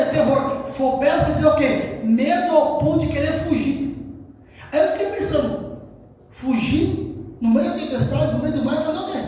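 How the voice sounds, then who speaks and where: High-voiced Brazilian man preaching, echoey hall. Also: far from the mic, slight background noise. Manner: shouting, sing-song, joking. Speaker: pastor. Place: large church hall.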